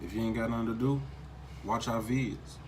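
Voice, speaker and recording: A man's voice: mid-range voice, steady tone, normal speed. Laid-back man. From Memphis, USA. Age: 20s. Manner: laid-back, slangy, joking. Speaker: vlogger's husband. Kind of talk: casual storytelling. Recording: noticeable background hiss.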